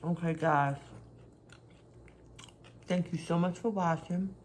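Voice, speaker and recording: A woman's voice: lowish voice, fairly even intonation, slow pace, a little hiss or hum. A woman hosting a casual cooking vlog, talking straight to her viewers and humming over each bite. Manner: savoring food with long hums; chatty, addresses viewers directly. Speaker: cooking channel host.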